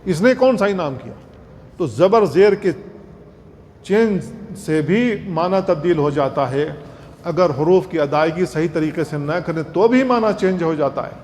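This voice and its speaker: Male religious lecturer, high voice, instructive and repetitive, long reverb with faint hiss. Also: animated, a little mellow. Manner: earnest, instructive, repeats points, demonstrates recitation slowly. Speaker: Islamic scholar, lecturer.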